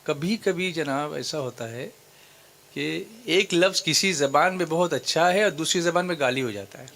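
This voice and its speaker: A man with a slightly high voice lectures a gathering in sermon style. He works through his point step by step, repeating phrases and quizzing his listeners. English words slip into his speech as he goes. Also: creaky, fairly bright tone. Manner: explanatory, quizzes the audience, repeats phrases for emphasis. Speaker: Islamic preacher.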